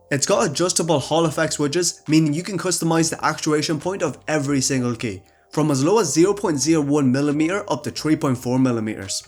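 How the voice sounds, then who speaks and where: A young man with an upbeat, casual manner, giving a scripted tech product review with gamer slang. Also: a little high. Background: faint background music.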